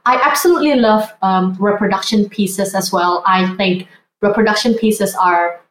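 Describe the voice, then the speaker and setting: A woman's voice: medium pitch, moderate pace, reverberant, a little hiss or hum, rough recording. A woman, talking as a podcast guest in an earnest, reflective way. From Indonesia. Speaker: guest, vintage blogger. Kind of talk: conversational interview.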